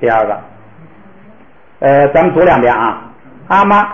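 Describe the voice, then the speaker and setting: A man's voice: mid-range voice, lively intonation, normal speed, a little hiss or hum. A male language teacher, lecturing a class patiently and step by step, with many fillers. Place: classroom with students. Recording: roomy, dull lo-fi classroom recording.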